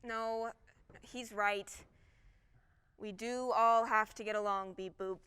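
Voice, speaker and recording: A woman playing a brash, hot-headed female time cop on stage, excitable and quick with her reports. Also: medium pitch, smooth. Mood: grudging. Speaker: stage actor. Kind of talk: live stage comedy acting. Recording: long reverb of a theatre stage.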